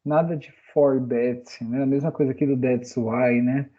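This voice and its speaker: A man gives a casual online English grammar lesson in a chatty way, with a Brazilian Portuguese accent and frequent "né?" tag questions. His medium-pitched voice keeps a steady tone at a moderate pace, and the sound is phone quality.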